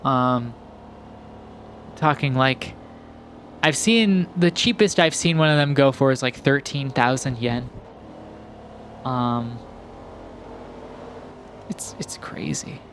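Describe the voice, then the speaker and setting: Slow, rambling young man chatting. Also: medium pitch, fairly bright tone, a little hiss or hum. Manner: rambling, many fillers and restarts. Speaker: gaming commentator. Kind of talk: casual chill commentary over gameplay. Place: home, recorded in post.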